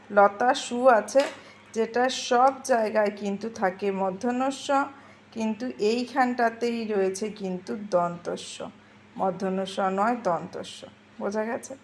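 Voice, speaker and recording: A woman's voice: fairly high pitch, gravelly, slight background noise. A woman teacher patiently explaining Sanskrit grammar to students, repeating word forms and checking they follow. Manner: patient, repeats forms slowly and asks "ঠিক আছে?".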